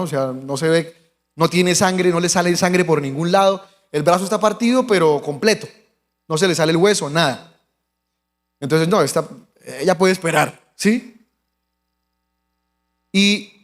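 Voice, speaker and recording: A male pastor with a Colombian accent, telling a personal story in a sermon, acting out the voices of the people in it. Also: on the high side. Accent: Colombian Spanish. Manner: animated storytelling, acts out quoted voices. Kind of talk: sermon testimony. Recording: long hall reverb.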